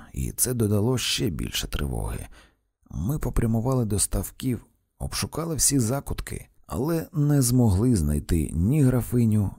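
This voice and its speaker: Male audiobook narrator, low husky voice, expressive, dry studio sound. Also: dry recording. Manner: expressive, dramatic reading. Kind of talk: first-person audiobook narration.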